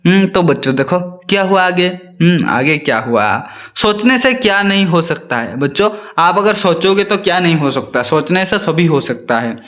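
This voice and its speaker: A man's voice: sits high, lively intonation, moderate pace, fairly bright tone. A male teacher reading a story aloud to young children, often repeating lines and asking them questions.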